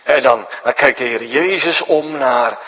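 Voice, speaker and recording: A man's voice: unhurried, muffled recording. Preacher man in an echoing church. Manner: explaining to children, rises high for emphasis, drops to a hushed whisper. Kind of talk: sermon.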